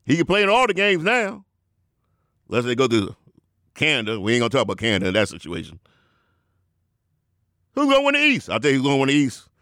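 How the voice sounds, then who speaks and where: A man hosting a sports talk show that turns into a sermon, calling himself by a title in the third person and leaping between a low drawl and high, excited bursts. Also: fast talker, no echo, clean studio sound. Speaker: sports commentator and preacher.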